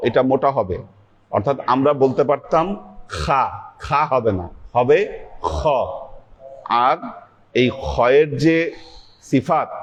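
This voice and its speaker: A man teaching a class on pronouncing Arabic letters, speaking slowly and patiently, drawing out each letter sound. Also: medium pitch. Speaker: Sufi teacher leading a weekly class.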